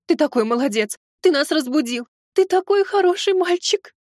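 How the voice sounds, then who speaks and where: A man reading an audiobook, voicing a frightened, tender young mother in a trembling cooing falsetto. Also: expressive, normal speed, dry recording, clean studio sound.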